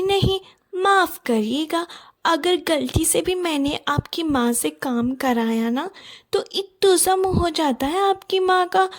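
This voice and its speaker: A woman voicing a lazy, sharp-tongued young wife in a cartoon, cheeky and complaining, always talking back. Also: very high voice. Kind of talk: cartoon voice acting.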